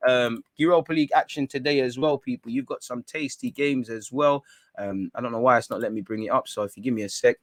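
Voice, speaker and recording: A young man, hosting a football talk stream in a rambling, slangy, excitable way. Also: mid-range voice, quick pace, no room sound. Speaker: football channel host. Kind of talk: casual livestream chat.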